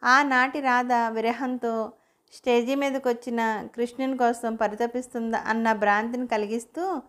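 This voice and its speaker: A woman narrates a romantic story in a steady, even reading voice. Her pitch sits a little high for a woman. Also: normal speed.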